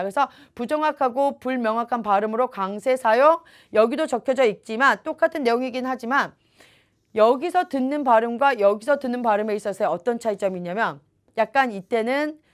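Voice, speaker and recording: High-voiced Korean woman lecturing. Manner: explanatory, emphatic, repeats key points. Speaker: English test prep instructor.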